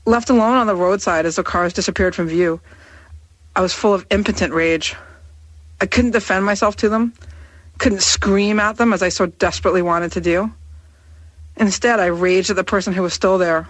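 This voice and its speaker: A woman in her thirties reading her own personal essay aloud in a candid, wry, measured way. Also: medium pitch, dry recording. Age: 30s.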